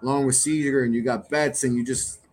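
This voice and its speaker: A man's voice: mid-range voice, steady tone, brisk, a little mellow, a little hiss or hum. A man who founded a podcast network, appearing as a guest and chatting casually in a rambling way, with many restarts. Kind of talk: casual sports podcast chat.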